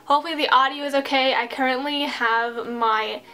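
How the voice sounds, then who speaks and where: A woman's voice: sits high, steady tone, normal speed, pushed and bright, clean tone. A young woman chatting casually while doing her makeup at home, rambling and self-deprecating, into a desk microphone. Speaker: streamer and vlogger. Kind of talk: casual get-ready-with-me chat.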